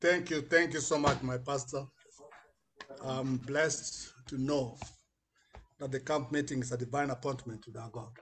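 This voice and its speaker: A middle-aged Kenyan man with a husky voice, a church elder giving a measured devotional response over a video call. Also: medium pitch, fairly even intonation, fairly bright tone, slight background noise. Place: curtained indoor room. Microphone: computer mic on video call.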